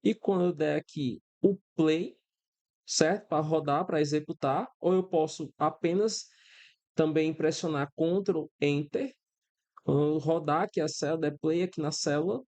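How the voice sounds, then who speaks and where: The man's voice is a little high and darkish, and he speaks a little slowly. A Brazilian in his thirties with a Brazilian Portuguese accent, he's a programming instructor leading a step-by-step screen-recorded coding lesson, checking in with students often and using everyday examples.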